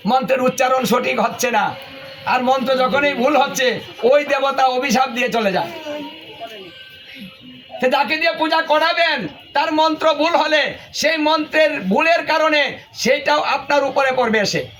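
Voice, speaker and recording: A man's voice: very high voice, moderate pace, fairly bright tone, faint music behind. A male preacher giving a devotional sermon, emphatic and full of rhetorical questions.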